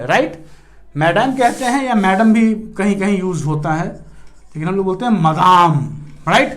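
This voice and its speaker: Indian male english teacher, high voice, mixes hindi and english, says "right" a lot. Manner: mixes Hindi and English, keeps asking "right" and calling viewers friends. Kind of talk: classroom grammar lecture.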